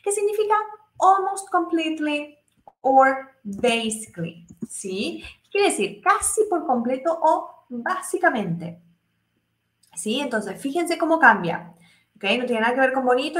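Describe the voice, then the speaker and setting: A woman teaching English in a live class, explaining step by step, checking in with her students constantly and voicing the example sentences higher. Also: very animated, a little slow, reverberant. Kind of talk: live online English lesson.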